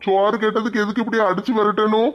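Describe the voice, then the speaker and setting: A man's voice: sits high, level tone, fast talker, highs cut off, close to an everyday voice. A man playing a doting village father in a comic skit, indignant and protective, with a Tirunelveli Tamil accent.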